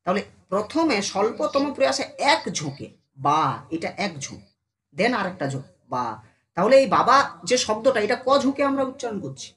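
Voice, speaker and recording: A teacher giving a casual online class who speaks familiarly to the students, keeps asking if they follow, and slows down to sound out syllables one by one. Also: mid-range voice, very animated, fairly bright tone. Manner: addresses students familiarly, asks them constant check questions.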